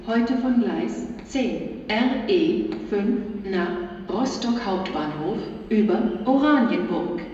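A woman giving a flat, formal automated platform announcement over a station loudspeaker, in pieced-together phrases. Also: mid-range voice, a little hiss or hum. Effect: public-address loudspeaker. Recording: muffled, echoey station loudspeaker from far off.

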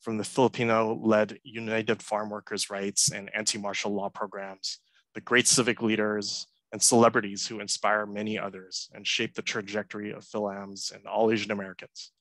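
A man in his thirties, from Hong Kong, giving a prepared conference talk over a headset on a video call, earnest and measured with many uh fillers. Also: lowish voice, little pitch movement, a bit bright, no room sound, poor audio. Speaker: conference speaker. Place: home room, indoors. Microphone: headset mic on a video call.

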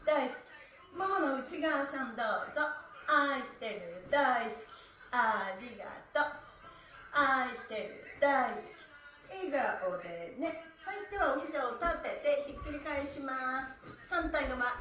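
A cheerful middle-aged woman leads a live stretch class from a floor mat in a small room at home, laughing as she chants the counts. Her voice sits high with a fairly bright tone. Picked up by a far camera, it sounds distant in the echoey room.

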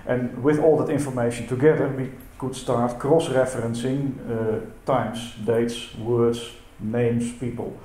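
A symposium speaker whose first language is Dutch gives a hesitant conference presentation in a lecture hall, with many fillers and repeated words. His medium-pitched voice is steady and warm, a little slow with few pauses. The hall is echoey with faint noise.

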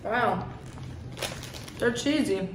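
A woman's voice: fairly high pitch, very slow. A playful woman reviewing snacks on her vlog, talking casually with her mouth full of snacks. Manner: playful, laughs at own jokes. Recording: echoey room with faint noise.

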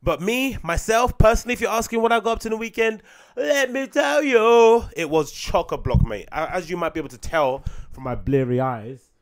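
A young Londoner, sounding a bit raspy today, chats casually with his listeners on his solo podcast; he's a podcast host and DJ. He rambles, drops in slang and the occasional swear word. He's speaking close to a studio mic on a boom arm in a small room at home.

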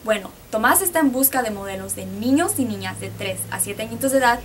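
A cheerful woman co-hosting a television show, with a somewhat high voice. She is a little set back from the mic, and faint hiss runs underneath. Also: lively intonation, fairly quick, distant mic. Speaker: model and co-host. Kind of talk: TV show presenting. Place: studio.

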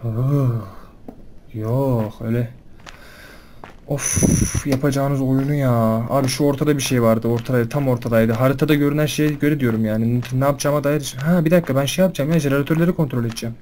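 A young man giving casual commentary on a horror game, chatting to his viewers and panicking loudly when scared. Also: mid-range voice, a little fast, a little hiss or hum. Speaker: gaming video host.

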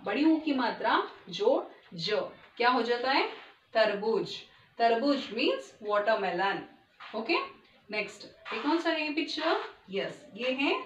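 A woman teacher giving a recorded Hindi lesson to young children, spelling words slowly and clearly and mixing in English words. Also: sits high, slight background noise. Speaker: primary school teacher. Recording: echoey room, distant dull mic.

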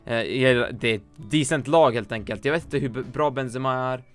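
A man reviewing viewers' football game teams in casual commentary, blunt and joking, swearing often and mixing in English slang. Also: mid-range voice. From Sweden. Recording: faint music behind.

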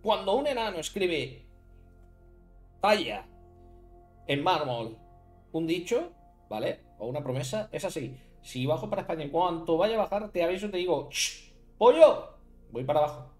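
A man's voice: a little high, sing-song, moderate pace, long pauses, soft background music. A man from Spain with a Spanish accent, chatting casually on a live stream while building a card deck and talking to viewers. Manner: chatty, thinks aloud, talks to chat viewers by name.

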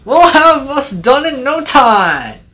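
Woman putting on shrill teasing freight trucks. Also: very animated, takes it slowly, full character voice. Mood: teasing, rowdy. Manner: high, shouty, sing-song taunting. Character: mischievous giggling freight trucks, rowdy and teasing.

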